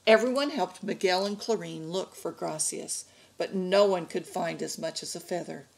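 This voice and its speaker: A woman reading a picture book aloud to an adult learning class, slow and expressive. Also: lowish voice, vocal fry.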